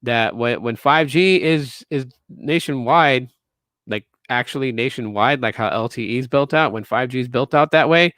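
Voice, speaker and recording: His pitch is medium, his pace moderate and his tone fairly bright, with no room sound at all. He's a man in his late thirties running a tech podcast, casually ranting and lecturing viewers with emphatic repeats and restarts.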